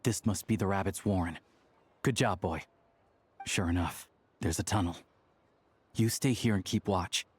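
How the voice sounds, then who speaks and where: An actor playing a steady adult male hunter in a video game, speaking calmly and practically. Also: low-pitched, unhurried, long pauses, husky. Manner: calm, practical and matter-of-fact. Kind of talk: game character dialogue.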